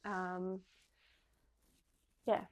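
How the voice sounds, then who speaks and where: A young woman from Australia hosts a podcast in a fairly low voice, speaking very slowly with a completely flat delivery. She chats casually and rambles, often saying um and restarting small bits.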